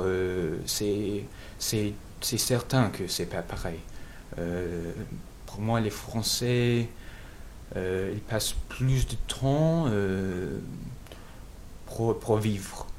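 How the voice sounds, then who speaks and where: Un homme venu d'Angleterre, de langue maternelle anglaise, qui répond en interview d'un ton hésitant en cherchant ses mots. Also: male voice, fairly low pitch, darkish tone, slight background noise. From England. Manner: halting, searching for words. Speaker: guest. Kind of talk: interview answers.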